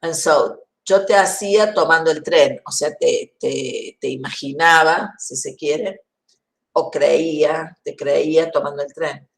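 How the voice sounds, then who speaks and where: A woman lecturer with a low, deep-set voice teaches a grammar class over an online session. She moves at an unhurried, deliberate pace, building each point through worked examples. She pauses to ask whether her students have followed. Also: gravelly. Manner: checks understanding with questions. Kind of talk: university lecture.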